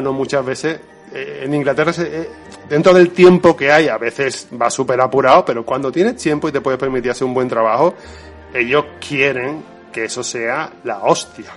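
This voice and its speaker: A man from Spain, co-hosting a casual podcast, telling lively stories about his effects work, swearing freely and laughing often. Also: mid-range voice, moderate pace, faint music behind. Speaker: podcast co-host, creature effects painter. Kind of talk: casual podcast chat, storytelling.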